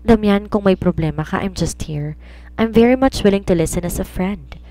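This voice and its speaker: A woman's voice: mid-range voice, normal speed, warm tone, no echo, lightly acted. A woman voicing a desperate young woman pleading with the man she loves in an audio romance story. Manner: pleading, emotional.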